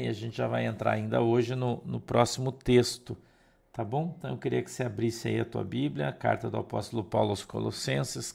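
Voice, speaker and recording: A man's voice: mid-range voice, gravelly. A man with a Brazilian Portuguese accent who leads a morning livestream devotional as pastor, greeting viewers by name and reading scripture aloud. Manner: reads scripture aloud in a steady cadence.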